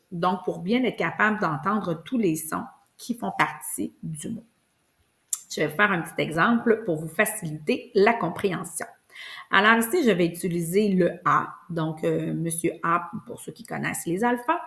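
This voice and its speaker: A woman talks parents through a preschool reading lesson. Her voice sits a little low for a woman, and she speaks in a patient, explanatory way, drawing out sounds to show them. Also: a bit bright. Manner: patient, explanatory, stretches out sounds in words for demonstration. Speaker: preschool teacher. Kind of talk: instructional video for parents.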